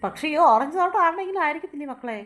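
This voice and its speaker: A fretful old grandmother, played by a woman frets out loud about the lost children in a kids' fan drama. She speaks very high and very fast, and her worried lines tumble over each other. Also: animated. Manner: anxious, exclaiming.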